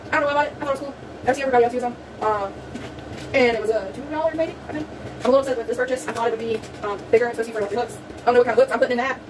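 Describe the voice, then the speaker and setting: In a slightly high voice, talking very fast, a young woman with a South Louisiana accent chats her way through a haul video, rambling and saying um often. The vlogger is at home in a small room with a table, and her phone camera, set back on the table, gives a distant mic sound with faint room noise.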